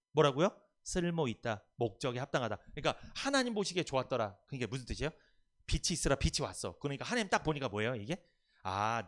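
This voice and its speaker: Delivering a sermon as pastor at a church service, this man speaks on the high side. His style is emphatic, and he quizzes the congregation, putting questions to them to answer.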